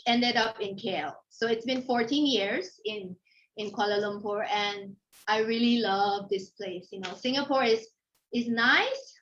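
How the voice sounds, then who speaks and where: In a dull, lo-fi recording, a company founder from Manila speaks as a guest at an informal motivational session. She is a middle-aged woman with a Filipino accent and a slightly high voice, and she tells personal stories in a lively way, acting out what she was thinking and quoting what people said.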